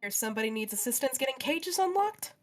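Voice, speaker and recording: A woman plays a tabletop role-playing game in an informal, sweary way. Her voice sits on the higher side, with light music in the background. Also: lively intonation, fast talker. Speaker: player. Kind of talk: casual tabletop game play.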